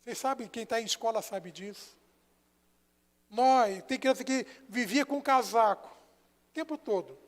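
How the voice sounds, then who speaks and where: A Brazilian man preaching as a pastor, telling a story and swinging between hushed and loud passages. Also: extremely high pitch, unhurried, long pauses. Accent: Brazilian Portuguese. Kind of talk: sermon. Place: church sanctuary. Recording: long church hall reverb.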